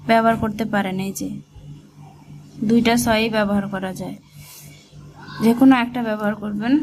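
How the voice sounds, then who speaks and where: A woman teaching a shorthand lesson, spelling each word slowly letter by letter as she writes. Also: a little high, darkish tone, slight background noise. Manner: slow, spells words letter by letter. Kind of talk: step-by-step dictation lesson.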